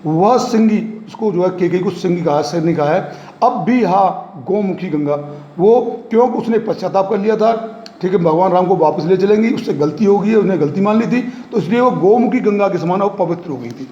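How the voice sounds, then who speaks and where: A man's voice: high-pitched, a little fast, mellow. A male Hindi teacher explaining a poem line by line, checking in often with the class as he paraphrases each verse. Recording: echoey, dull lo-fi room recording.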